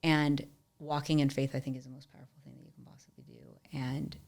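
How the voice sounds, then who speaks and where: Young woman w/ a low gravelly voice, chatty animated storytelling on a podcast. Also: fast. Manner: animated storyteller, often says "like". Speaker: podcast guest, musician and entrepreneur. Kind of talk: storytelling in casual interview.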